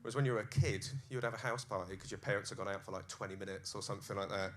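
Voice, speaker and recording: Bright-voiced stand-up man. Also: fairly low pitch, racing. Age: 30s. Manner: animated, acts out scenes, crude jokes. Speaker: stand-up comedian. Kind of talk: stand-up comedy set. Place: comedy club stage, live.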